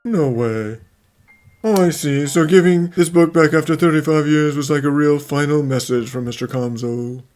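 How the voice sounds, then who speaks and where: A man's voice: a little high, moderate pace, darkish tone, natural voice. A man playing an earnest, regretful older character in an anime-style fan dub. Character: earnest, regretful older friend, long estranged. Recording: voice over faint music.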